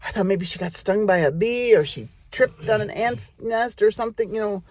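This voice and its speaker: A woman's voice: mid-range voice, normal speed, a little mellow, no room sound. A middle-aged woman telling a rambling personal story in a chatty way, talking straight to her audience.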